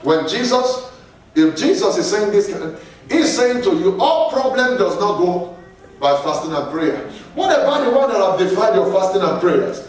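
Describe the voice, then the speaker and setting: A man preaching a sermon at a conference, emphatic and repetitive, rising into shouts. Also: high-pitched, very animated, normal speed. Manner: emphatic, repeats phrases, bursts into shouts. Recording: echoey hall, voice from far off.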